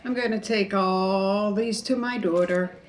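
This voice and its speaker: A middle-aged woman chatting casually to viewers on an eating show, chewing while talking, in a halting way with pauses. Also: mid-range voice, poor audio. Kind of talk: casual mukbang chat to viewers.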